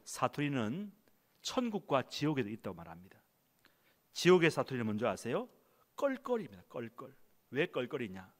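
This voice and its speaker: A male pastor preaching in a church sanctuary, his pitch swinging widely as he stresses each point at a mid-range pitch. He speaks emphatically, asks rhetorical questions, and calls the congregation to read along with him. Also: very animated, moderate pace. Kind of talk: sermon.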